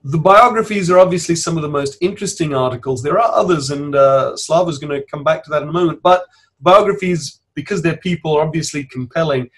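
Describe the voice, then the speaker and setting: A man moderating a panel discussion, speaking in a measured way and inviting guests to share. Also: on the high side.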